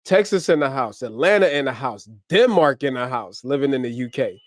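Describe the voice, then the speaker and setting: A man hosting a casual livestream from home, upbeat and slangy as he gives shout-outs to viewers, a little short on sleep. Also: mid-range voice, lively intonation, a little fast, dry recording, studio quality. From US, grew up in Ohio. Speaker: livestream host. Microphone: camera mic on a livestream setup.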